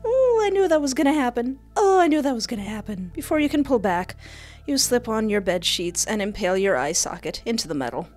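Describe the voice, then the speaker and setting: Brisk, very animated and a little mellow, this young woman's voice runs on the high side as she hosts a gaming video. She alternates between relaxed commentary and dramatic reading of text, captured on a close headset and desk microphone with music behind.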